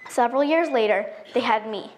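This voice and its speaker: A woman's voice: a little high, a little fast, a little hiss or hum. A teenage girl from the United States giving a prepared speech on an auditorium stage, reciting carefully and earnestly. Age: teen. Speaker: student speaker.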